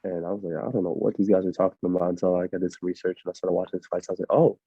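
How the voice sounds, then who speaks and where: A young man from Miami, a fighter answering interview questions in a relaxed, rambling way full of fillers. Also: low-pitched, rapid-fire, husky. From Miami, USA. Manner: laid-back, rambling with many fillers. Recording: muffled lo-fi audio.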